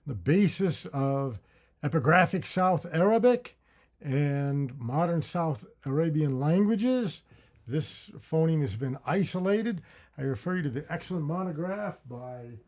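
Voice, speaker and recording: Slow, deliberate male lecturer. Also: on the high side, expressive, darkish tone. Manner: slow, deliberate, with drawn-out syllable demos; thinks aloud with fillers and restarts. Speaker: teacher. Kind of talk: lecture on phonetics with spoken sound demonstrations.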